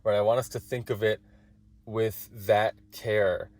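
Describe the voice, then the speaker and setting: A man as a guest, explaining Torah chanting earnestly in conversation, with quick asides. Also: fairly low pitch, flat delivery, darkish tone.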